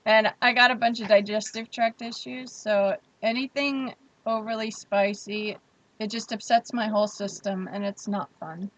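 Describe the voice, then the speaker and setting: A woman's voice: mid-range voice, fairly even intonation, normal speed, dull audio, a little hiss or hum. A young woman hosting a casual livestream, chatting freely and reading viewer comments aloud. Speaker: livestream host.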